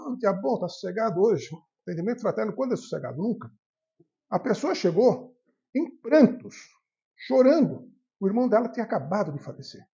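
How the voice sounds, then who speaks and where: A man gives a spiritist lecture in a high, animated voice with a gravelly edge. He talks fast, telling anecdotes and playing out both sides of each conversation. The recording is dull and lo-fi. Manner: storytelling, acts out the voices in dialogues. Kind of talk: spiritist talk from the tribune. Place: spiritist center hall.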